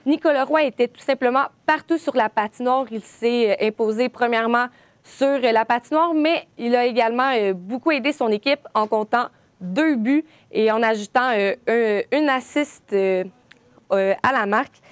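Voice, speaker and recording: A young woman giving a sports news report, halting often with filler sounds. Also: a little high, no echo.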